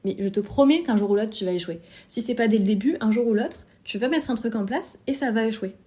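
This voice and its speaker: A woman's voice: on the high side, fast talker, dark tone. A young woman hosting a solo advice podcast, talking casually and directly to the listener, with self-deprecating asides. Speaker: podcast host.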